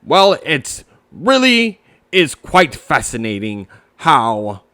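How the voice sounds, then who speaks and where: A man's voice: on the high side, very animated, slow, bright, forceful tone, no room sound, studio quality, exaggerated voice. A man voicing a pompous, long-winded old owl in a children's storybook. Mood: pompous, chatty.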